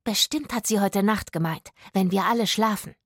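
Eine Erzählerin, die in einer Kinderhörgeschichte ein mutiges Mädchen spricht, meist flüsternd. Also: female voice, mid-range voice, moderate pace, husky, no echo, studio quality, natural voice. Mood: whispering. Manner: whispering, hissing. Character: clever girl musician, bold.

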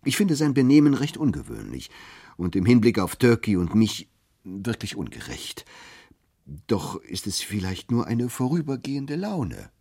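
A man's voice: lowish voice, wildly swooping pitch, moderate pace, creaky, mellow, husky, no echo, studio quality, voice pushed up, heavily acted. Man doing a prim, deferential young clerk.

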